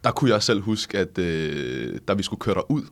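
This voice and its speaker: A young man in his twenties with a fairly low voice co-hosts a relaxed podcast conversation. He tells stories in a lively, rambling way, with plenty of filler words along the way. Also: vocal fry. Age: 20s. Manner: lively anecdotal storytelling, frequent fillers. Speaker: podcast co-host. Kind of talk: casual chat.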